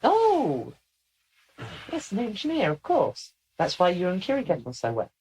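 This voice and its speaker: A woman's voice: lowish voice, wildly swooping pitch, normal speed, slightly rough, full character voice, rough recording. A woman voicing an eighteen-year-old female alien cadet officer, eager and formal in a channeling session. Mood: chirpy formal. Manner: bright, chirpy, polite and formal. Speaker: channeled military spirit.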